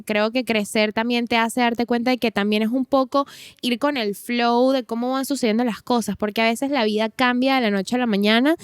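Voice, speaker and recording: A woman's voice: a little high, smooth, no room sound, clean studio sound. A woman in her twenties co-hosting a podcast, talking in long reflective runs in casual chat. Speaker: podcast co-host.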